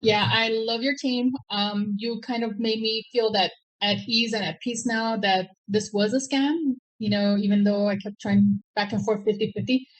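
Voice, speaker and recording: Soft-spoken older woman, wondering. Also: mid-range voice, steady tone, normal speed, few pauses, poor audio. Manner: soft-spoken, repeats "wow". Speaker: scam victim. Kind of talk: casual conversation.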